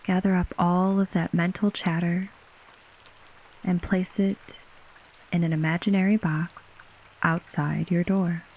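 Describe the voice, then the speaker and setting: A woman narrating a bedtime sleep story as guided relaxation, gently and unhurriedly, with long pauses between short phrases. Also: on the low side, poor audio. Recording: steady rain ambience behind voice. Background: rain falling.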